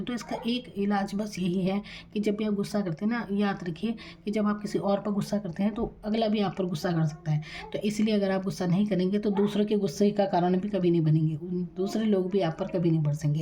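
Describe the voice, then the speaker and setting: A woman from India giving a tarot reading, speaking quietly and calmly and addressing the viewer directly with reassurance. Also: mid-range voice, slight background noise. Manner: soft-spoken, deliberately quiet. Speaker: tarot reader.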